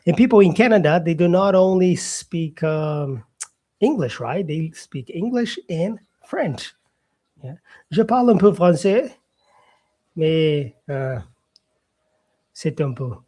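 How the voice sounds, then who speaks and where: A man's voice: fairly high pitch, animated, slow, long pauses, warm tone. A man from Brazil teaching English on a casual live stream, chatting with viewers and answering their comments.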